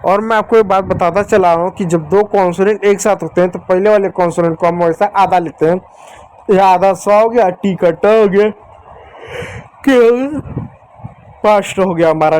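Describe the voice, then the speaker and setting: A man's voice: high-pitched, fairly even intonation, fairly quick, a little mellow. A man teaching a spelling lesson at a whiteboard, patient and repetitive, talking to viewers as children and friends. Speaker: English teacher.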